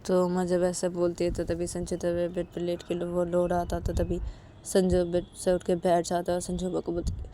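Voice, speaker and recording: A woman's voice: lowish voice, completely flat delivery, normal speed, mellow, a little hiss or hum. A woman narrating a romantic story in a casual, repetitive way, chaining events together with filler links.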